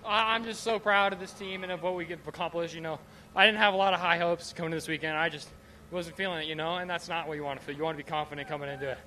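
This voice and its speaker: Outdoors trackside at a racetrack, a young man who just won gives a breathless, emotional post-race interview, gushing, repeating himself, and stumbling over his words. His voice is on the high side, sharp, fairly even in intonation, and rapid-fire, with a little hiss or hum.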